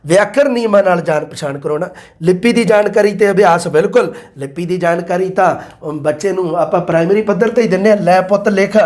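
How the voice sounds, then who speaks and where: Male teacher, high voice, chatty exam-prep lecturer who repeats and quizzes. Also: darkish tone.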